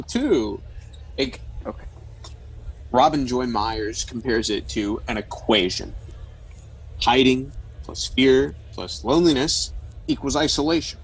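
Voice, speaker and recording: In an audio drama, an actor plays a blunt, flirtatious man who talks like a probing amateur therapist, sounding frank, earnest, and explanatory. His mid-range voice is animated and slightly rough at normal speed. The audio quality is poor.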